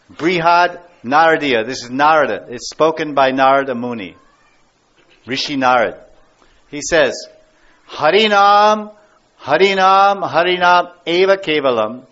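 A man's voice: a little high, fairly bright tone. A man giving a devotional class as a spiritual teacher, emphatic and given to repeating key words and phrases. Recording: dull lo-fi recording.

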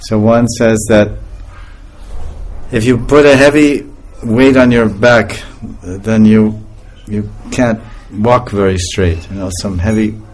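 A man with a fairly low, slow voice gives an informal spiritual talk to a group. He laughs often and tells his stories in an animated way.

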